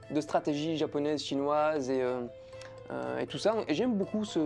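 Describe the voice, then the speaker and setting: A man's voice: fairly high pitch, darkish tone. A man chatting casually as a personal development vlogger, hesitant with many fillers and restarts, enthusiastic about what he unpacks. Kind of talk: casual unboxing vlog.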